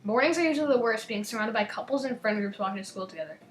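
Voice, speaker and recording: A young woman with a slight lisp hosting a gaming channel, chatting casually and reading game text aloud, her lines often trailing off quietly. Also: fairly high pitch, expressive, racing, reverberant.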